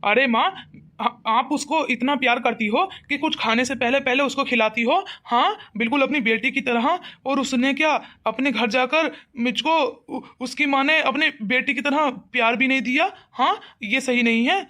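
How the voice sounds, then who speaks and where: A grown son in a cartoon whines and complains that he was insulted, as a woman voices him. The voice sits high for a man, and the delivery stays in a sulking, grievance-filled key. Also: moderate pace, bright, forceful tone. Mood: hurt, complaining. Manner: whiny, complaining. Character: young married son, sulking and hurt. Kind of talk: cartoon voice acting.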